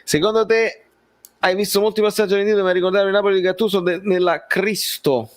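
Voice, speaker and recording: Casting: male football streamer, higher-pitched voice, conversational and halting, repeats himself while replying to a live chat. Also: level tone. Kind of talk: casual live-stream chat, reading and answering viewer comments.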